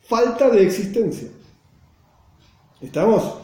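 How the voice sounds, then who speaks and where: Argentine man, teacher, explains hebrew texts in class, high voice, mellow tone, echoey room. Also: animated, slow. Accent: Argentine Spanish. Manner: reads Hebrew phrases then explains them, checks on the students.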